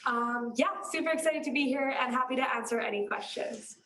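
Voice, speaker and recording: A woman's voice: sits high, brisk, a bit bright. A woman in her twenties, a student, chatting in a bubbly, enthusiastic way. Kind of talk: casual chat. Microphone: video call. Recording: echoey room, faint noise.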